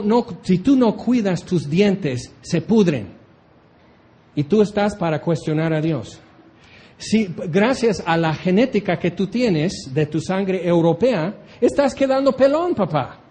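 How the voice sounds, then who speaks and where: A man's voice: high-pitched, warm tone. A man preaching a sermon, challenging his listeners with ironic rhetorical questions.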